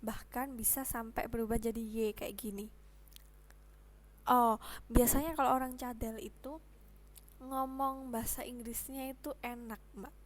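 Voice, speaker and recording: A young woman with a fairly high pitch and fairly even intonation teaches English pronunciation online in a casual style. She goes slowly and patiently, with conversational asides along the way.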